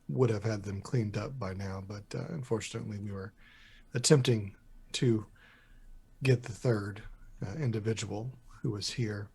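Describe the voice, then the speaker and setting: A man with a low, gravelly, husky voice speaks in character at a tabletop game. He is polite and apologetic, hesitating with frequent fillers as he explains himself. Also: darkish tone. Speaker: player. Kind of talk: in-character roleplay.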